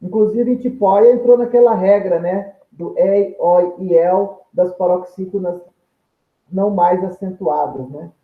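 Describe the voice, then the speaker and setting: A man's voice: high voice, unhurried. A man teaching a grammar video lesson. He explains patiently, points at examples on screen and draws out example words syllable by syllable. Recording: echoey room, tinny phone-like sound.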